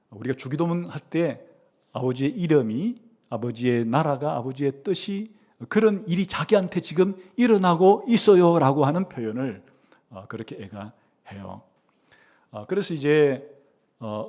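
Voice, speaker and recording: Middle-aged male pastor, storytelling sermon, lively pitch, acts out the characters, lots of "uh" fillers. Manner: animated storytelling, acting out a child's and mother's lines; frequent "어" fillers, trailing soft endings.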